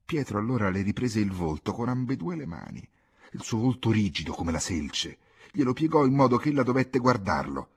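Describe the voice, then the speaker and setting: A man narrating a literary novel as an audiobook, measured and expressive, often dropping to a hush. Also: fairly low pitch, husky. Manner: measured, expressive reading that drops to near-whispers. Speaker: audiobook reader.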